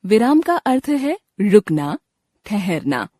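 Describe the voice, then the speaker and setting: A woman reading a Hindi grammar lesson in a slow, clear, teacherly way. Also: mid-range voice, sing-song, warm tone, dry recording. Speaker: textbook narrator. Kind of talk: scripted lesson narration. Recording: dry close studio recording.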